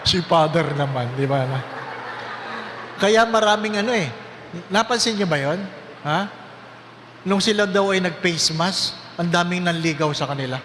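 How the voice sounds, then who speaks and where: A man's voice: high-pitched, measured pace, long pauses, long reverb tail, noisy background. A priest preaching a sermon with humor, putting on the voices of people in his stories and asking the congregation questions. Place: church.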